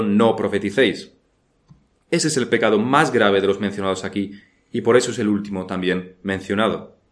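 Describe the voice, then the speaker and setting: Man, preacher, low voice, earnest and firm, rhetorical questions. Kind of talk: sermon.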